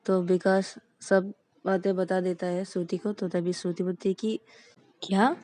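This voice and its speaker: A woman's voice: lowish voice, little pitch movement, moderate pace, dark tone. A woman narrating a story casually, in a plain voice that links each line with simple connecting words.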